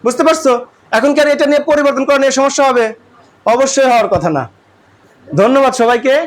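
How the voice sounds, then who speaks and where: A man's voice: extremely high pitch, quick pace. A man with a Bangladeshi accent teaching English grammar to a class, asking questions and repeating the answers.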